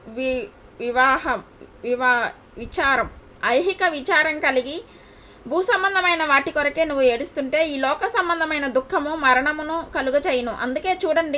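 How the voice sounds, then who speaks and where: A woman's voice: high-pitched, sharp tone, slight background noise. A woman from India preaching a devotional sermon, earnest and repeating her questions for emphasis.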